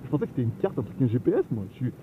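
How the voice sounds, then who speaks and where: A man's voice: mid-range voice, sing-song, rapid-fire. A man from France chatting casually as he rides a motorbike, rambling and laughing often, recorded on a helmet camera. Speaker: motovlogger. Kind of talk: casual riding commentary. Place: on a motorbike on the open road. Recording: phone-like sound, loud wind noise.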